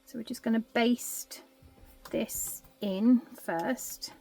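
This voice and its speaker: A woman talking through a sewing tutorial step by step, chatty and practical, her voice going husky at times. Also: a little high, takes it slowly, dark tone. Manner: chatty step-by-step instructions, drops into whispers. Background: sewing machine.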